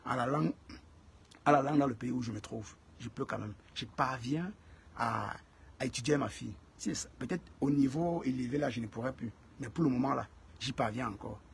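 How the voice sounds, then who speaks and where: A man's voice: mid-range voice, brisk, gravelly, slight background noise. A man hosting a casual live stream, greeting viewers by name and repeating phrases for emphasis.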